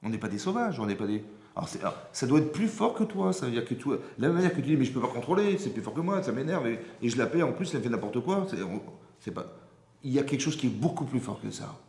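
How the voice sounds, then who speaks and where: A man, a rabbi, giving an informal Torah lesson, animated and often checking with his audience through rhetorical questions. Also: medium pitch, quick pace. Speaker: rabbi teaching a class. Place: synagogue hall. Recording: roomy hall echo.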